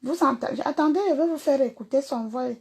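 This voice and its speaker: A woman's voice: high voice, fast. A woman singer with a Cameroonian French accent, talking bluntly and confrontationally to viewers in a livestream rant. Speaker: singer and performer.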